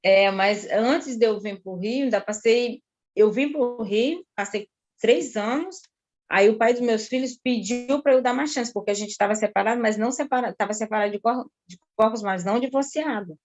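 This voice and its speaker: A talkative woman from São Luís, Brazil, giving an earnest personal testimony to a pastor at a slow, lingering pace. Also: fairly high pitch, darkish tone, highs cut off.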